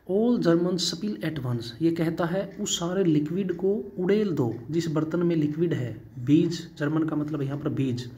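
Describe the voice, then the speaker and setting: A man teaching a college English class in Hindi, reading lines from a play slowly and then explaining each one. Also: a little high, dark tone, slight background noise.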